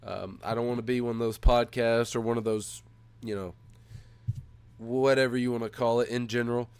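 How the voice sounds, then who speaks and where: A man's voice: medium pitch, steady tone, moderate pace, clean tone, no room sound. A man hosting a casual podcast, sounding sick, nasal and stuffed up, speaking into a headset. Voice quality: nasal, congested. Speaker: podcast host.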